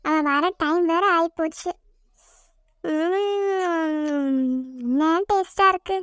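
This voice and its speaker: A pestering little sister from a cartoon, whiny and tattling, as a woman puts her on. The voice sits very high. It is recorded close and dry. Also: extremely slow, fairly bright tone, no echo, exaggerated voice. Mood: greedy, sneaky. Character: bratty nosy little sister girl. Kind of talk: cartoon voice acting.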